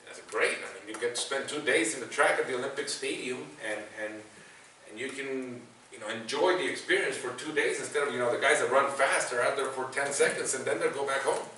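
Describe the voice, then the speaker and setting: Brisk, bright and forceful, this mid-range male voice belongs to a sports broadcaster from El Salvador in his forties. As a guest speaker in a university classroom, he chats with students in English with a Salvadoran Spanish accent, poking fun at himself. The classroom echoes, the mic is distant, and there's faint noise.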